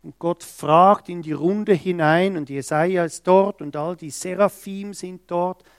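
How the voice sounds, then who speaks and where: Man, mid-high voice, preaching slowly and deliberately, dry close sound. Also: clear, resonant tone, no echo. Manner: slow, emphatic, acts out quoted speech. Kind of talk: sermon.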